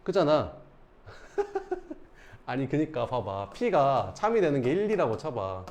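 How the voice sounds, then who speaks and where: Lively-pitched male math teacher. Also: slow. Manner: casual, keeps checking students understand. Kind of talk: classroom math lecture.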